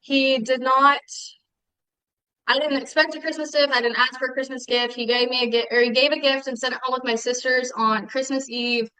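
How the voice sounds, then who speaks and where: A woman giving a steady statement in court, reading out messages she received. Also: sits high, normal speed, clear, resonant tone, no echo, poor audio.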